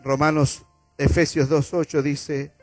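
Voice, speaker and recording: A man's voice: on the high side, level tone, measured pace, a little mellow, soft background music. A man with an Argentine accent preaching a sermon as pastor, repeating phrases and having the congregation say them back. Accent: Argentine Spanish. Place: church auditorium.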